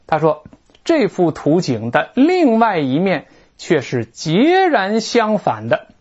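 An English teacher giving a recorded lecture, explaining a textbook in Chinese, reading English example sentences slowly and often asking "right?". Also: mid-range voice, wildly swooping pitch, a little mellow, husky, muffled recording. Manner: frequent tag questions and drawn-out fillers.

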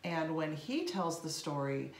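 Lady co-hosting a chatty podcast, kinda low voice, roomy echo. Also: animated, a little slow. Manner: conversational, reads quotes aloud. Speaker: podcast co-host. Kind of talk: casual chat. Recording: echoey room with faint ambient noise.

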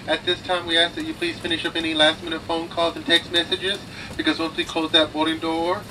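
A man's voice: a little high, little pitch movement, brisk. A man working as a flight attendant, making routine cabin announcements. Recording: distant cabin PA, clear aircraft noise.

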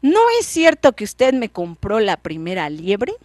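A woman's voice: medium pitch, sing-song, a little slow, darkish tone, no room sound. Woman voicing a cheeky clever young man. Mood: teasing. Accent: Mexican. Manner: bold, teasing and sure of himself.

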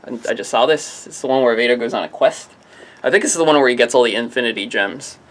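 A man on a comic shop's staff gives an offhand, rambling product rundown of new releases to camera, full of jokey digs at himself and trailing "I don't know"s. He speaks fast in a mid-range, fairly bright voice.

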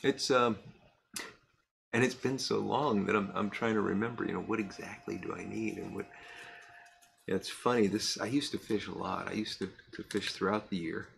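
A middle-aged pipe-smoking vlogger talks casually to camera in a cluttered indoor workshop, his voice low-ish and gravelly. He rambles in a relaxed way with many fillers and restarts, pausing to puff on his pipe.

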